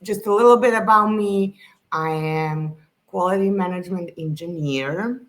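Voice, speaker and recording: A woman's voice: lowish voice, moderate pace. A woman from Serbia, speaking as a podcast guest in earnest, casual conversation, often restarting as she searches for words.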